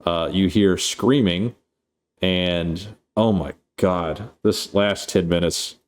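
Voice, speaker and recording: A man's voice: sits low, takes it slowly. A man casually recapping a movie plot, rambling and swearing, full of fillers and restarts. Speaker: movie reviewer.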